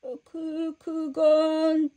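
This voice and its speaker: A woman's voice: high-pitched, big pitch swings, unhurried. A woman voicing a grasping male servant who swings between whiny begging and harsh bullying. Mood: pleading.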